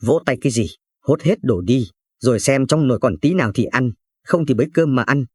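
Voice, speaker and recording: A man's voice: medium pitch, lively intonation, brisk, a little mellow, slightly rough, no room sound, clean studio sound. A man voicing a stern, bossy old grandmother in a narrated story, scolding in tone.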